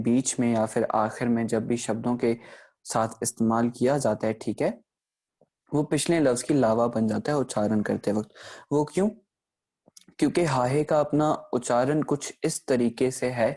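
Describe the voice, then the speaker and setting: A man teaches a pronunciation lesson in a mellow, darker voice at an ordinary pitch. He explains patiently, checks in with his listeners again and again, and slows down to sound out each example word. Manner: patient explaining, checks in often with "theek hai". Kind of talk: recorded online grammar lesson.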